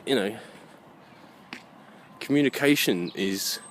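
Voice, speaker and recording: A man's voice: medium pitch, expressive, takes it slowly, a little hiss or hum. A British man giving a rambling, opinionated monologue, emphatic and fond of rhetorical questions. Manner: emphatic, rhetorical questions, checks listener understands. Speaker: vlogger.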